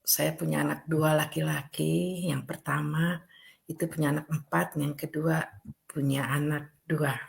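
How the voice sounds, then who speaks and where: Slow, gravelly older woman. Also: sits low, flat delivery. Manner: slow, soft-spoken, gentle. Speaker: guest panelist. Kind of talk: casual chat. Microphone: video call.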